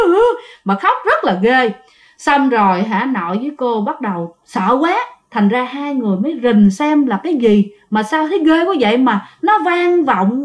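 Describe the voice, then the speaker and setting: A woman narrating listener-sent ghost stories in a chatty way, speaking straight to her listeners. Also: fairly high pitch. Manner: chatty, addresses listeners directly.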